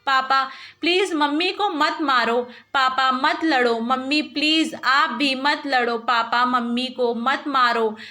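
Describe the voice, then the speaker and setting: A woman's voice: high voice, takes it slowly, pushed and bright, full character voice. A woman voicing a frightened seven-year-old girl who pleads tearfully, in a storybook reading. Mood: pleading.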